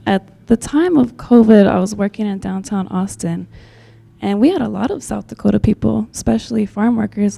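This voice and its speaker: Gravelly low-bright woman speaking heartfelt. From Texas, USA. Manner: heartfelt, rambling, with many fillers. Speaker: community member commenting at a public meeting. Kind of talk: earnest public comment.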